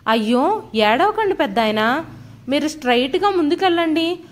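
A woman's voice: high voice, lively intonation, moderate pace. A woman voicing a male watchman who stops a visitor at the office gate. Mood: brisk. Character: brisk office watchman, man.

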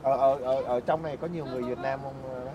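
A man's voice: medium pitch, steady tone, racing, dark tone, lo-fi sound. A man hosting a casual interview, attentive and agreeable, often murmuring assent. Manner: attentive, agreeable, frequent backchannel. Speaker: host.

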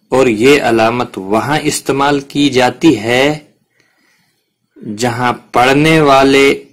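A man teaching Quran recitation rules in a patient, step-by-step lesson, giving examples as he goes. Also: mid-range voice. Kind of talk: explanatory lesson.

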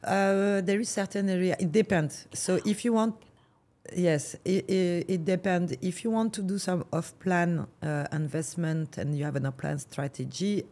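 A woman real estate agent speaks English with a French accent, pausing often on fillers and restarting her phrases. She answers questions in a relaxed interview. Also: on the low side. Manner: hesitant, many fillers and restarts. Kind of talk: casual interview.

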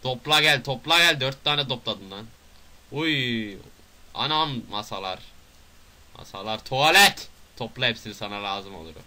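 Bright, excitable young man gaming. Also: medium pitch, moderate pace. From Turkey. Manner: excitable, swearing, loud outbursts and mutters. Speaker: gameplay commentator. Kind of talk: casual gameplay commentary.

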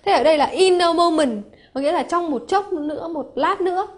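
A woman's voice: very high-pitched, fairly quick. A woman with a Hanoi accent teaching English prepositions for an exam, explaining step by step and often asking if her students follow. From Vietnam. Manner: explains step by step, asks rhetorical checks. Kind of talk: exam-prep grammar lesson.

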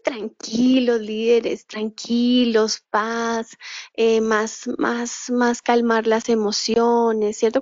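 A woman giving a calm, reflective motivational talk on leadership, full of rhetorical questions. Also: on the high side, no echo, highs cut off. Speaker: leadership speaker.

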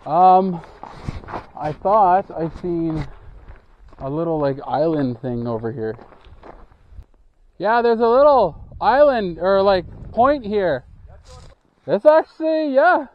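A man's voice: high voice, lo-fi sound. A man chatting casually on a fishing hike, loose and joking, swearing often. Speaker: fishing vlogger. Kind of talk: casual chat.

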